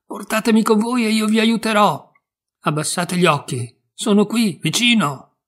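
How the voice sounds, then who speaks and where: A man voicing a tiny, bold and cheeky boy hero who shouts and boasts, in a storybook reading. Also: on the high side, lively intonation, normal speed. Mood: bold shouting.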